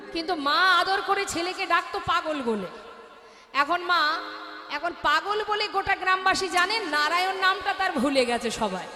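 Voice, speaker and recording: High bright woman preaching in an echoing hall. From Bengal. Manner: lively, chanting refrains, addressing listeners as mothers. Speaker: kirtan singer and storyteller. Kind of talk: devotional kirtan storytelling sermon. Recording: echoey hall with music.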